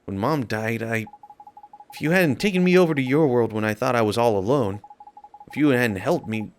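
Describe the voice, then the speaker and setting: A man voicing an earnest, gentle young boy hero, hesitant and sincere as he reads game dialogue aloud. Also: mid-range voice, moderate pace, a little hiss or hum, lightly acted.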